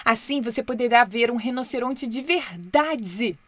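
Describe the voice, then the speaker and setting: Busy storybook mother, brisk and dismissive, a little high; a woman reader plays her. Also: animated, a bit bright, no room sound.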